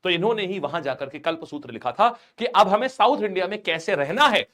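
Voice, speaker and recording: A man's voice: sits high, expressive, a little fast, a bit bright. A man teaching an online exam-prep class. He tells history as playful stories, acts out quotes, and talks to his students as "brother" and "child".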